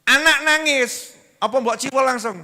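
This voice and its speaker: Animated Javanese preacher in an echoing hall. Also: male voice, very high-pitched, normal speed. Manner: animated storytelling, acts out voices, jokes with the audience. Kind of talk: Islamic sermon to a congregation. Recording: long hall reverb.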